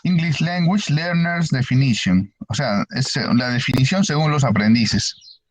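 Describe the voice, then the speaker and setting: A man's voice: medium pitch, animated, a little slow. A male teacher explaining ideas to a class and asking them questions as he goes. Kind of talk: online university lecture.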